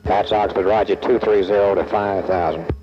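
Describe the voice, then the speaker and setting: A man's voice: sits low, normal speed, over music. A man flying a jet, talking through an oxygen mask microphone over the radio in clipped, terse radio procedure. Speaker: military jet pilot. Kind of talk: radio calls to air traffic control. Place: jet cockpit in flight. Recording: muffled cockpit radio recording with steady noise.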